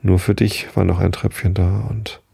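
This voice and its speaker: A man voicing a gentle, weary, parched wanderer near death in a read-aloud story. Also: deep voice, flat delivery, normal speed, vocal fry, breathy edge, no echo, clean studio sound, heavily acted. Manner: gentle, tired, soothing.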